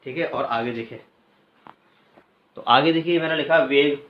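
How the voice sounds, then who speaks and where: A male teacher giving a classroom lecture who keeps asking questions and pauses for students to call out the answers, then repeats the key terms slowly. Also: mid-range voice. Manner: quizzes students, pausing for them to finish answers. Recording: echoey room, muffled, faint hiss.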